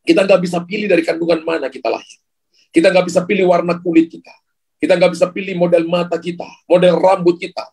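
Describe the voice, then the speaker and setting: A man's voice: on the high side, vocal fry, a little mellow, breathy edge, low-quality recording. A male pastor giving a conversational sermon, often addressing the congregation and adding "ya" as he goes. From Ambon, Indonesia. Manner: conversational preaching with frequent "ya" and direct address.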